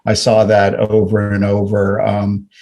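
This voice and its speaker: A middle-aged Canadian man is a guest in a conversational interview, speaking reflectively with many fillers and restarts. His voice sits on the low side, monotone and a little dark, at a measured pace, and the recording sounds muffled.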